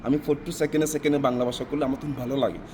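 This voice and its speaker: A man's voice: medium pitch, fairly even intonation, very fast, noisy background. A man from South Africa answering interview questions in Bengali with a non-native Noakhali dialect accent, rambling and often asking "right?".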